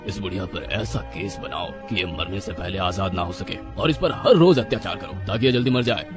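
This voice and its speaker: A man's voice: sits low, expressive, brisk, music in the background. A man playing a vindictive police officer in a cartoon story, cold and commanding. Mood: menacing.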